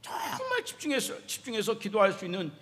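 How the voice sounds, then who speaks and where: High-voiced male pastor preaching. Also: fairly quick. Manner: animated, asks the congregation questions. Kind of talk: sermon. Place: church sanctuary. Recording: echoey church hall reverb.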